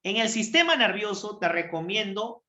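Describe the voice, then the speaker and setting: A man's voice: sits high, very animated, moderate pace, sharp tone, highs cut off, voice pushed up, full character voice. A man playing a protective, kindly brain in a classroom story, giving reassuring advice in a raised voice. A roomy echo surrounds it. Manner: reassuring, advising.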